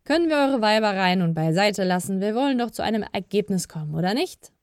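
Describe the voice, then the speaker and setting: A woman's voice: mid-range voice, expressive, fast talker, clear, resonant tone, no echo, studio quality, close to an everyday voice. A woman doing Magala, a stern elf woman. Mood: impatient. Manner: sharp and impatient. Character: stern no-nonsense female elf.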